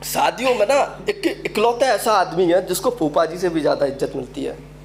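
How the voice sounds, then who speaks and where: A young male stand-up comedian with a Uttar Pradesh Hindi accent tells stories and slips into characters in quick asides. His voice sits high for a man. A faint hiss runs under the recording. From Uttar Pradesh, India.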